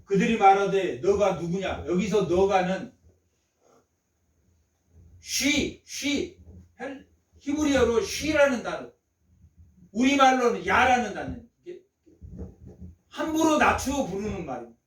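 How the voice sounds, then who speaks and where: Man, pastor, Sunday sermon, very high voice, emphatic repetition, rhetorical questions, echoey church hall, mic some distance off. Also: big pitch swings, slow, pauses often. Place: church sanctuary.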